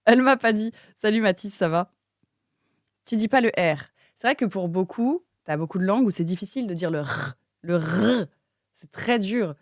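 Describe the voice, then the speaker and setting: A woman's voice: a little high, dry recording. Chatty woman streamer, dry close sound. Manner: chatty, reacting to chat messages. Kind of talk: casual live-stream chat.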